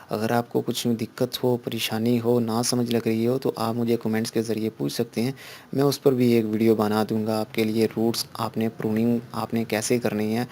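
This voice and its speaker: Flat-voiced man explaining gardening. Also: medium pitch. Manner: explains slowly, repeats points, many fillers. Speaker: gardening channel host. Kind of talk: casual instructional talk.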